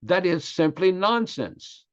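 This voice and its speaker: Lecturing on scripture to a religious class, an older man from Quebec, Canada, whose first language is French, speaks with a Québécois accent. His high voice swings widely in pitch and has a clear, resonant tone, and he stresses key words slowly, earnest and emphatic. It's captured in slightly dull, lo-fi sound.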